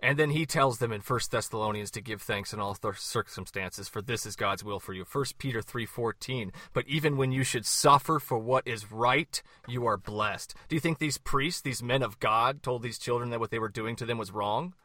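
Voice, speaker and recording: A man's voice: medium pitch, moderate pace, hardly any pauses, sharp tone, no room sound, clean studio sound. A man debating religion with passion, quoting scripture and firing off rhetorical questions.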